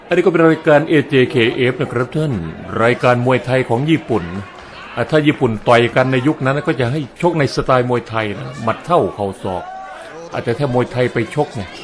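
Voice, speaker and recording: Joking Isan-accented man calling a fight. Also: mid-range voice. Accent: Northeastern Thai (Isan). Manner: joking, chatty, chuckles often. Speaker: fight commentator. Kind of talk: humorous play-by-play commentary. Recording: crowd noise from fight footage.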